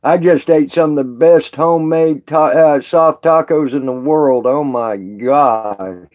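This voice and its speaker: A man's voice: a little high, a little slow, a little mellow. A man chatting casually on a live stream with viewers, rambling and folksy, laughing often.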